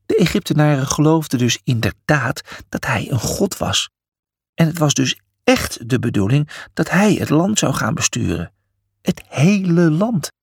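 Gravelly, lively male storybook narrator. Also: mid-range voice, normal speed, no room sound, studio quality. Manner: lively, expressive reading. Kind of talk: storybook reading.

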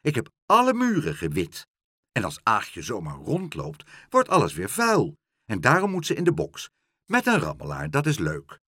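A man voicing a stern, fussy, house-proud woman in a storybook reading, hurried and self-important. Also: on the low side, huge pitch swings, fairly bright tone, slightly rough, no room sound, studio quality, heavily acted.

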